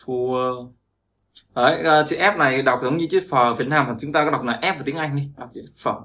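A man's voice: on the high side, fast talker, pushed and bright. A man teaching pronunciation, repeating sounds and often checking that listeners follow. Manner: repetitive, keeps checking with listeners. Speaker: language teacher. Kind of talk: explaining pronunciation lesson.

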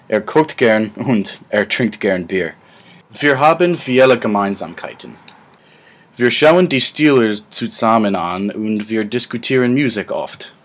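19 yr old american guy, english native, reading out his class project slow and careful, lowish voice. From United States. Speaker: student. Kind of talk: read class presentation.

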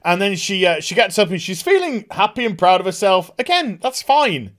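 A TV show reviewer with a high-pitched voice at normal speed gives an animated, casual rundown of an episode, swearing freely. He acts out the scenes as he goes, using put-on voices.

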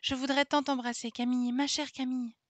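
A woman's voice: high-pitched, flat delivery, a little fast, dry recording, lo-fi sound, voice pushed up, close to an everyday voice. A woman voicing a sweet, affectionate young girl in an audiobook, asking eager questions.

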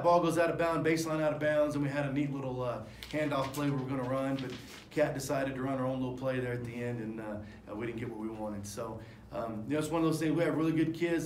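In a press room before a sponsor backdrop, a head basketball coach in his forties talks into table microphones at a postgame press conference. His medium-pitched voice stays steady as he speaks fast with few pauses, rambling candidly through fillers and restarts. The room is echoey, with faint noise.

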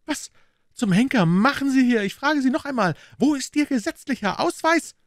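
A man reading an audiobook, voicing a furious, broad, red-faced man who shouts shrilly. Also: very high-pitched, expressive, normal speed, no echo, studio quality, voice pushed up. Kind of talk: audiobook character voice.

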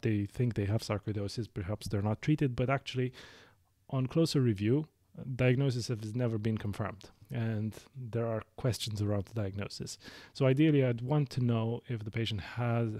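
A Romanian-accented lung specialist in his thirties hosts a medical podcast, explaining his clinical practice in a measured way, with frequent fillers and self-corrections. His mid-range voice is dark, captured dry and clean on a boom-arm studio mic in a small, dark studio.

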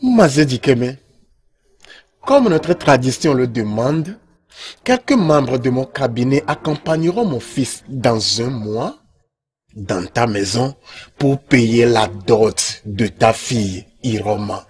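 A man's voice: medium pitch, animated, darkish tone. An actor dubbing an authoritative king who arranges his son's marriage. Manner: measured, authoritative. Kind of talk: dubbed film acting.

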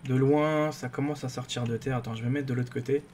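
Male gaming YouTuber, mid pitch, casual and excitable, rambles; faint noise floor. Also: brisk. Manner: rambling, excitable, many fillers and restarts. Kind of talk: casual gameplay commentary.

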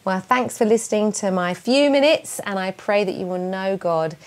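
A woman from England in her forties, with a medium-pitched voice at a normal pace, gives an earnest, encouraging devotional talk and prayer to young people. She is delivering a keynote talk from a small room at home, recorded indoors on a lapel mic, and uses open hand gestures as she speaks.

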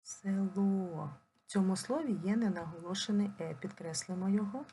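Slow-dictating woman teacher, mellow voice. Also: medium pitch, a little hiss or hum. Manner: slow, clear dictation, drawing out words syllable by syllable. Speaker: primary school teacher. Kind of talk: recorded online lesson.

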